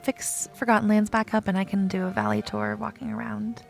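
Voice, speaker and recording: A woman's voice: medium pitch, fairly even intonation, brisk, creaky, soft background music. A woman streaming a video game in casual chat, giggly and chatty, greeting viewers by name.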